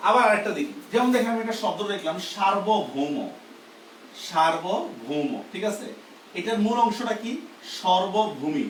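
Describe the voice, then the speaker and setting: A male grammar teacher teaches a live class, checking often that his students follow. His voice sits high for a man. He sounds set back from the mic in an echoey room with faint background noise. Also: lively intonation, a little fast, recorded from a distance. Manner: explains step by step, often asking "do you understand?". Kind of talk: live online lesson.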